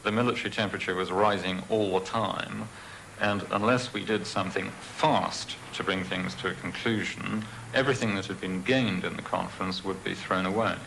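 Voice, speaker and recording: A former official recalling events in a measured interview. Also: male voice, deep voice, fairly even intonation, gravelly, noisy background. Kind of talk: interview recollection.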